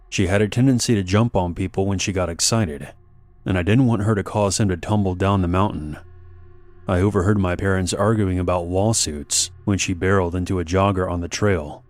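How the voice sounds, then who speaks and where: Male horror narrator, very deep voice, measured and steady delivery. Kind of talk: scripted horror story narration.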